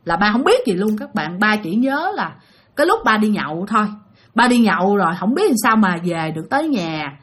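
A woman's voice: medium pitch, sing-song, brisk, slightly rough. A woman, telling listener-sent ghost stories in a chatty way, often turning to address her audience. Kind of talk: casual spoken storytelling.

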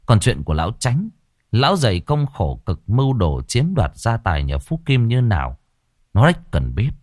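A man narrating an audiobook story in an expressive, dramatic way. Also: fairly low pitch, moderate pace, dry recording, studio quality.

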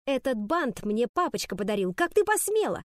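Woman playing a shrill mean schoolgirl, squeaky high, dry close mic. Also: sing-song, moderate pace, no room sound. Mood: furious. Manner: hissing, shrill. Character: spiteful, shrieking schoolgirl.

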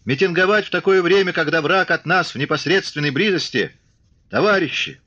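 Weak-voiced besieged commissar, as a man puts him on, pitched high and tight, dull lo-fi audio. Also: fairly quick, sharp tone. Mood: strained pleading. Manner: faint, strained appeal.

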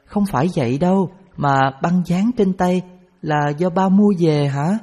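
A man's voice: high-pitched, unhurried, a little mellow, pitched above the performer's own voice. A man voicing his young schoolgirl daughter, earnest and reproachful, in a story reading. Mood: questioning. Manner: earnest, questioning tone. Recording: reverberant with background music.

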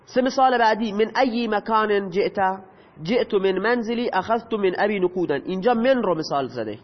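A high-pitched man lectures patiently, posing questions and answering them himself. His voice rings with a long reverb. The sound is dull and lo-fi. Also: animated. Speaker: teacher. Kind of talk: lecture explaining Arabic grammar.

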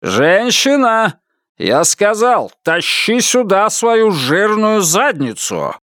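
A man voicing a brutal, bullying middle-aged husband who snarls and shouts his contempt. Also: on the high side, big pitch swings, measured pace, no echo, studio quality, pitched above the performer's own voice. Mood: raging.

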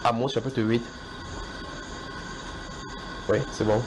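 A man preaches a sermon in a house church, speaking slowly in a medium-pitched, level voice over background noise. He repeats his points often and asks his listeners directly whether they are following.

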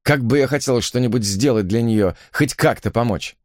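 A man narrating a story in a measured, reflective way. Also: medium pitch, no echo, clean studio sound. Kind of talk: audiobook narration.

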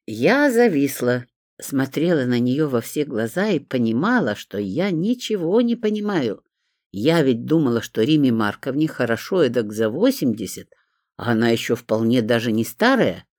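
An audiobook narrator reading a first-person story, voicing its heroine in an expressive, lively way. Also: mid-range voice, normal speed, dry recording, studio quality.

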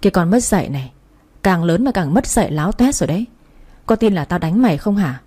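A woman's voice: lowish voice, animated, fast, dark tone, slightly rough. A woman voicing a middle-aged mother who scolds her daughter yet fears her husband. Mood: scolding, anxious.

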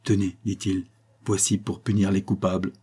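A man's voice: low voice, level tone, normal speed, mellow, breathy edge. A man reading the lines of a cold, scheming young viscount in an audiobook, cool and insistent.

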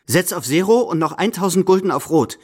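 A man's voice: high-pitched, animated, a little fast, husky, pitched above the performer's own voice. Man doing a bossy old grandmother gambler. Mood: bossy, impatient. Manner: bossy, hissing, scolding.

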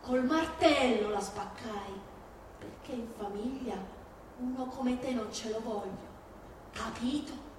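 Slow and fairly high-pitched, this woman's voice portrays an older Sicilian mother, fierce and grieving, renouncing her son for his crimes in a dramatic stage monologue. She scolds bitterly in a Sicilian accent, pleading and emphatic, returning again and again to the same phrases. Captured at a distance in a very reverberant hall, faint noise sits underneath.

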